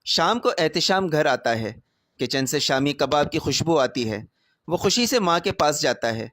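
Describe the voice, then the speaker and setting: A man narrating a family drama story in an even, plain storytelling manner. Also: fairly high pitch, no echo.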